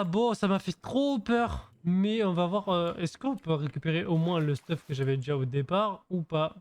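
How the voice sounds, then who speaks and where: A young man who makes gaming videos gives casual, slangy commentary on his gameplay, thinking aloud as he plays. His voice is fairly high with a darkish tone, and music plays under it.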